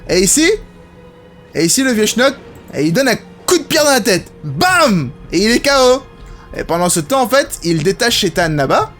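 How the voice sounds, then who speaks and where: A young man from France giving excitable, casual commentary as he plays a video game, swearing now and then. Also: high voice, moderate pace. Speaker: gaming video host. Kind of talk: casual let's-play commentary. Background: game music.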